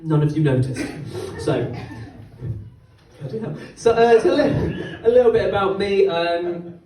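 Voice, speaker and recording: A man's voice: high voice, expressive, a little slow, warm tone. A young man doing a stand-up set in a comedy club, rambling and self-deprecating, with stumbles and restarts into a handheld microphone. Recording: roomy club sound from a distance.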